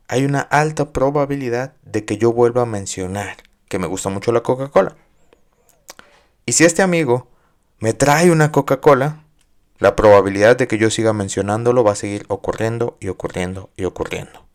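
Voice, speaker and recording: A medium-pitched man hosts a psychology podcast, speaking at a moderate pace with long pauses. He explains ideas casually, uses everyday examples, and asks his listeners questions.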